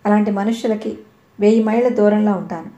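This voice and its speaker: In a roomy, echoing recording, a mellow, low-toned voice gives a resentful young man his cutting, curt lines, read out by a woman narrating an audio novel. He sounds wounded and bitter. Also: steady tone, fast talker, muffled recording, close to an everyday voice.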